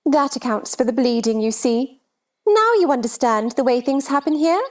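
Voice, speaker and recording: A woman's voice: high voice, animated, normal speed. A woman playing a scatterbrained, helpless queen in a theatrical children's storybook drama, fluttery and fussy. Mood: brisk, cheerful. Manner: fluttery, nonsensical insistence, crying out.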